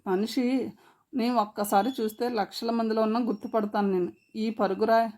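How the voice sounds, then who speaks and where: A woman's voice: a little high, steady tone, moderate pace, a little mellow, close to an everyday voice. A woman reading a story and voicing a brash, cheeky young man who talks with swagger. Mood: cocky.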